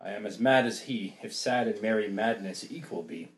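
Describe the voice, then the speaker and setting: A reader voicing an anxious, lovesick noblewoman in an amateur play reading, with excitable, rising exclamations. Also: medium pitch, normal speed, close to an everyday voice. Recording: echoey room.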